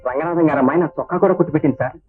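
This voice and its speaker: An actor playing a humble young office clerk who speaks politely and deferentially in a 1970s film. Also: male voice, a little high, rapid-fire, lightly acted. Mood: earnest. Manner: polite, deferential, keeps saying sir. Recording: tinny lo-fi old film soundtrack with faint music.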